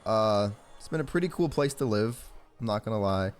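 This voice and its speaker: A man's voice: lowish voice, animated, brisk, smooth. A man in his early twenties from Georgia in the southern US, with an American accent, chatting informally and rambling as he commentates on a game. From Georgia, southern United States. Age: early 20s. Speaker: gaming YouTuber. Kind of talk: casual gameplay commentary with personal chat.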